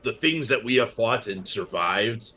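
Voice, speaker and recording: A man's voice: mid-range voice, animated, unhurried, bright, forceful tone. A man improvising in-character banter as a player in a tabletop role-playing game.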